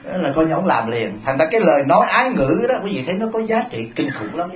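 A Buddhist monk delivers a dharma talk, telling funny stories to the congregation in an animated, humorous way. His voice sits a little high and he speaks fast. The hall sounds echoey, dull and lo-fi, with slight background noise.

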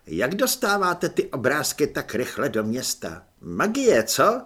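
A man's voice: mid-range voice, wildly swooping pitch, fairly bright tone, breathy edge, heavily acted. A man doing an eager clever young soldier. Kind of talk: audiobook character voice.

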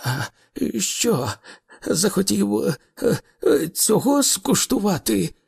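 A nervous ordinary man puffs himself up and blusters in a raised, shaky voice, as a male reader puts him on. The husky tone jumps up and down. This is a storybook hero out of his depth. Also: sits high, expressive, takes it slowly, darkish tone, long reverb tail, voice pushed up, exaggerated voice. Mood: defiant. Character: nervous ordinary Englishman, trembling but defiant.

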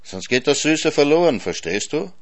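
A man's voice: fairly high pitch, big pitch swings, normal speed, dry recording, pitched above the performer's own voice. Man doing a sly trickster hare, coaxing, teasing, storybook reading.

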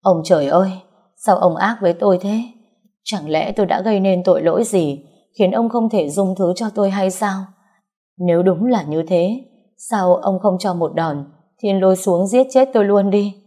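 A woman voicing a grief-stricken young woman who cries hoarsely over her dead father in an audiobook story. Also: medium pitch, slow. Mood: anguished wailing. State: crying.

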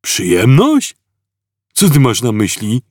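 A man's voice: mid-range voice, huge pitch swings, darkish tone, no echo, studio quality, voice pushed up, full character voice. A man doing a huge, dim-witted alien guard. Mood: puzzled. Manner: bellowing, slow-witted.

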